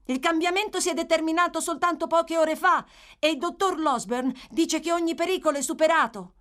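A woman's voice: extremely high pitch, steady tone, fairly quick, a bit bright, voice pushed up. A woman reading an audiobook, voicing a polite, eager young boy bringing good news.

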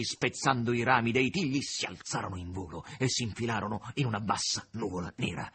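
Male audiobook narrator, husky, lively delivery. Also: mid-range voice. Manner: dramatic, varied intonation. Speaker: audiobook reader. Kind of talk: expressive literary reading.

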